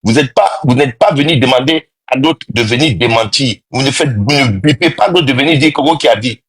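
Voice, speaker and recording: A man's voice: mid-range voice, a little fast, fairly bright tone, slightly rough. A man on a TikTok live panel, indignant and accusatory, giving a heated rant at his critics.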